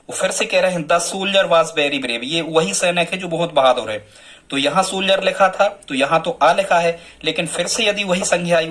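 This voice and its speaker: Man, teacher, classroom grammar lesson, fairly high voice, slow careful reading of examples, asks and answers own questions. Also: fairly bright tone. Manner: reads English example sentences slowly and carefully.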